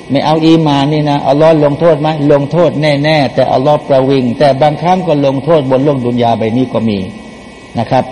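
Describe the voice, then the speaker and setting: A man's voice: on the high side, dark tone. A male Quran teacher giving a sermon-style commentary, asking his listeners questions, answering them himself, and chanting verses in between. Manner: chants Arabic verses between plain explanations. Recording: long hall reverb, faint background noise.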